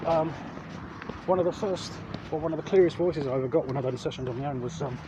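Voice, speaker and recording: Traffic can be heard as an English vlogger strolls through urban streets, talking to his audience in a loose, rambling way. He speaks fast in a slightly high voice, stumbling over words, repeating them and correcting himself mid-sentence.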